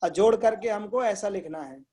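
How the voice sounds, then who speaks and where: High-voiced patient male teacher. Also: mellow, a little hiss or hum. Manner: patient, repeats sounds slowly and checks understanding. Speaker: Sanskrit teacher. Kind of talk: online pronunciation lesson.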